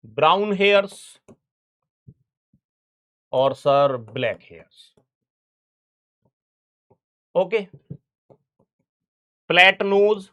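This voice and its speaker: A young man teaches biology in an online exam-prep lecture. His voice sits slightly high for a man. He talks in a chatty, informal way and keeps checking in with his students. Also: expressive, drawn-out words, long pauses, bright, forceful tone. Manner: chatty, keeps asking "right, sir?" to students.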